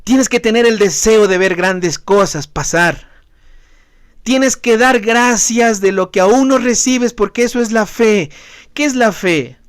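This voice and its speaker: A man's voice: high-pitched, unhurried, clean tone, dry recording, clean studio sound. A man who is a pastor preaching a sermon, emphatic and questioning the congregation directly. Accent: Ecuadorian Spanish.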